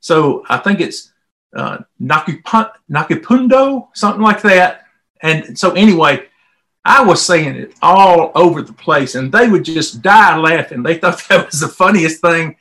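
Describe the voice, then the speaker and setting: His voice fairly high and bright, with lively intonation and a measured pace, a middle-aged Southern US man sits as a volunteer interview guest. He shares personal stories in a folksy, conversational tone.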